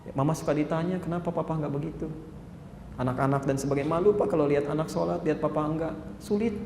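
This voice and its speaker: A man voicing a gentle middle-aged wife who pleads softly with her husband during a sermon. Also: quick pace, close to an everyday voice. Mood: pleading. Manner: soft, tender pleading. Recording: echoey hall, faint rumble.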